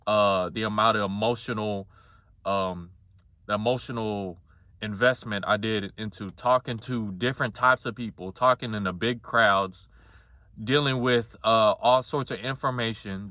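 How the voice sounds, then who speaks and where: A man in his twenties with a somewhat monotone voice, talking casually and bluntly to the camera in a rambling, confessional way with some swearing. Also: mid-range voice, no echo. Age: 20s. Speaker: vlogger.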